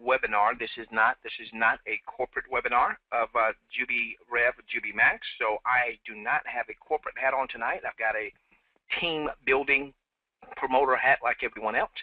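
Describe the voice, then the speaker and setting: A man's voice: medium pitch, fairly even intonation, moderate pace, dry recording. A man hosting a live team webinar, upbeat and repeating himself, with many fillers, on a headset. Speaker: webinar host. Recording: dry, tinny phone-like line.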